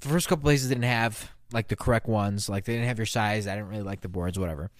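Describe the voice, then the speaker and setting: A man's voice: on the low side, fast, no echo, clean studio sound. A giggly, drunk man co-hosting a podcast, rambling and swearing through casual stories. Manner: profane, rambling. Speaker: podcast co-host. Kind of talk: casual storytelling chat.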